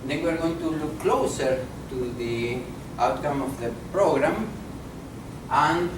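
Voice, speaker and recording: A visiting male professor gives an academic conference lecture in a conference room, heard from far off in an echoey space with a noisy background. His voice is on the high side and expressive, and he speaks deliberately and haltingly with many fillers.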